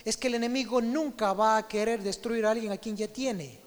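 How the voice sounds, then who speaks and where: High-voiced man preaching a sermon. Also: fairly even intonation. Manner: emphatic, stretches key words slowly. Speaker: pastor. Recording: long hall reverb.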